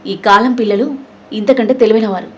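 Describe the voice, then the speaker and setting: A woman's voice: on the high side, steady tone, fairly quick, fairly bright tone, natural voice. A woman voicing a young woman friend who talks lightly and teasingly.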